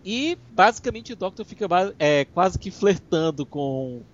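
A woman's voice: fairly low pitch, animated, unhurried, no echo. A woman co-hosting a podcast, casually recapping TV episodes with restarts and laughs. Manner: summarizing plot with laughs and restarts. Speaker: podcast co-host. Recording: dull dry recording.

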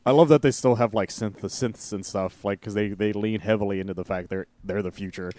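A man co-hosting a podcast, chatting in a relaxed, rambling way. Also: lowish voice, fairly quick, dry recording. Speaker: podcast co-host. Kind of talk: casual review chat.

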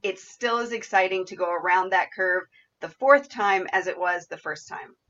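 A woman's voice: on the low side, normal speed, fairly bright tone, dull audio. A woman hosting a podcast interview in a conversational style. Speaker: podcast host.

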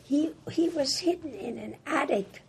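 An older woman who grew up in Germany, speaking English as a second language, recounts her life in an oral history interview in a raspy, hoarse voice, halting and plain. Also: sits high, a little hiss or hum. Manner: halting, plain-spoken, repeats words. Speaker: Holocaust survivor interviewee.

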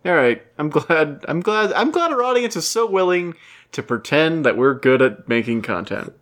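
A man's voice: fairly high pitch, big pitch swings, normal speed, a bit bright. A young man co-hosting a podcast in casual comedic chat, rambling and self-deprecating. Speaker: podcast co-host.

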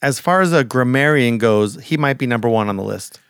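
Measured male podcast co-host. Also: mid-range voice, lively intonation, clear, resonant tone, dry recording. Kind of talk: casual chat.

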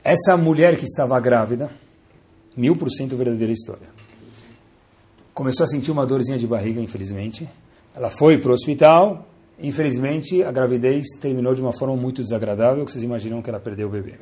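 A man giving a Torah lesson as a lively storyteller, asking his listeners rhetorical questions. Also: mid-range voice, quick pace. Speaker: religious teacher.

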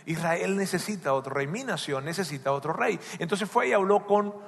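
A man preaching a sermon in a conversational way, repeating key phrases and sometimes dropping to a soft hush. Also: high-pitched, animated, brisk, vocal fry, husky, big-room sound. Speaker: pastor.

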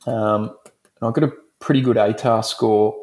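A man's voice: fairly low pitch, steady tone, moderate pace, darkish tone. An Australian man from Melbourne, a dentist guest speaking in a frank, rambling way in a casual interview.

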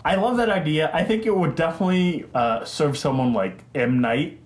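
A man in casual movie chat, playful and jokey, slipping into quick character voices. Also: on the high side, roomy sound.

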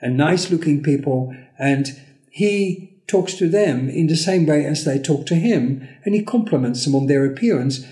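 A podcast co-host with a somewhat high, mellow voice tells a parable in a relaxed conversation, slowing down to act out the characters' lines. The room around him sounds echoey.

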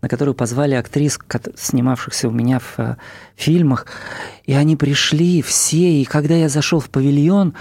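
A film director speaks as a guest in a radio studio, earnest and thoughtful, often pausing to search for words. His voice is mellow and dark. The studio sound is close and dry. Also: on the high side, fairly even intonation, vocal fry, dry recording. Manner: thoughtful, earnest, with many pauses and fillers. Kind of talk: interview talk.

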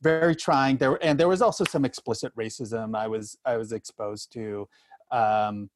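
Middle-aged man, low-pitched conversational storyteller. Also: no echo. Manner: halting, repeats and restarts phrases often. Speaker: interview guest. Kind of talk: candid conversational interview, personal storytelling.

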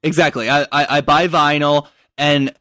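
A man's voice: fairly high pitch, level tone, normal speed, sharp tone, no echo, clean studio sound. A man in a casual podcast chat, talking hesitantly with many restarts.

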